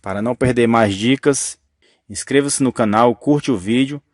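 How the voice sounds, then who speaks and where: A man explains grammar rules in a patient, step-by-step teaching voice that keeps restating the key point. His pitch sits in an ordinary middle range. The sound is dry and close, with no room around it. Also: normal speed, dry recording.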